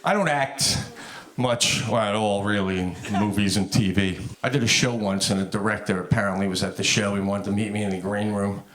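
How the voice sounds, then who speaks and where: A man's voice: fairly low pitch, fairly even intonation, fairly quick, fairly bright tone. A man with a thick New York, Long Island accent telling stand-up stories conversationally and acting out the dialogue. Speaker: stand-up comedian. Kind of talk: stand-up storytelling. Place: live comedy venue with audience.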